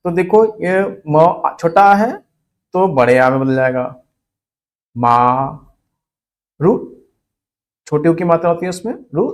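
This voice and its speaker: Slow, drilling male Hindi teacher. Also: fairly high pitch. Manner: slow, repeats each word for drilling. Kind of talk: spelling lesson for exam students.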